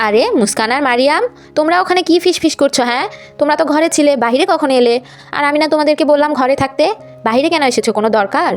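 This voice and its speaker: A woman's voice: sits high, quick pace, soft background music, close to an everyday voice. Woman voicing a strict scolding mother. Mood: suspicious. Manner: scolding, stern questioning. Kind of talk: puppet story voice acting.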